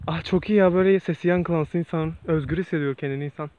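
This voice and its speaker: A man's voice: a little high, fast talker, narrow, tinny audio, slight background noise. A man vlogging outdoors while walking through a forest alone, nervous and joking, talking to himself and to viewers. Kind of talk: casual vlog while hiking alone.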